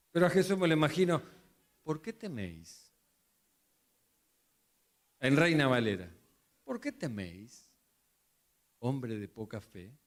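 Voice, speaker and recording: Slow, higher-voiced man preaching a sermon. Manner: storytelling, acting out the disciples' cries and Jesus' replies. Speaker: pastor.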